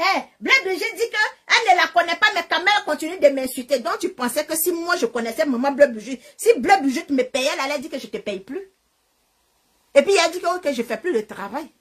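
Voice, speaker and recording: High-pitched woman ranting insults at a phone. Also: a bit bright. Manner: insulting, confrontational, taunting. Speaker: social media live streamer. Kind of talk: angry insult-filled rant to a phone. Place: living in Canada. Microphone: phone camera.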